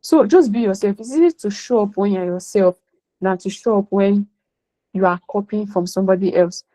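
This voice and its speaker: A woman's voice: mid-range voice, normal speed, warm tone, poor audio. A woman with a Nigerian accent gives an emphatic motivational class talk as a career coach, slipping in Pidgin phrases.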